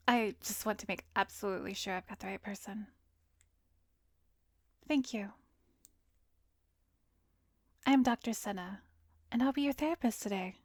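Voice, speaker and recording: An actress lightly plays a composed, soothing female therapist who is secretly an arrogant vampire, speaking to the listener in ASMR roleplay. Her mid-range voice is soft, measured, gentle, professional and probing, frequently drifting into a breathy whisper, and the mood is calm and reassuring. A close studio microphone captures a very dry sound.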